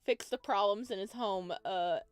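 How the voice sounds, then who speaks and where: A woman's voice: medium pitch, normal speed, clean tone, no room sound, studio quality. A woman let's player reading visual novel narration aloud and breaking off into casual commentary. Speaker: let's play streamer. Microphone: wearing headphones.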